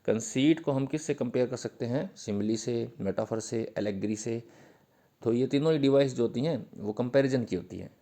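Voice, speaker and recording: A male teacher with a mellow, relaxed tone and a mid-range voice. He reads lines slowly, then glosses each term patiently in Hindi. His explanations are casual and steady, with frequent fillers. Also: mid-range voice. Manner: uses fillers, repeats points patiently. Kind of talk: exam-prep literature lecture.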